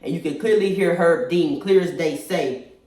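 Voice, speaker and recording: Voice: mid-range voice, moderate pace, darkish tone. Someone breaking down a fight, casual and emphatic, super echoey like a big empty space, bit far from the mic. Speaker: combat sports commentator. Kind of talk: casual fight-analysis commentary. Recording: very echoey room, distant mic.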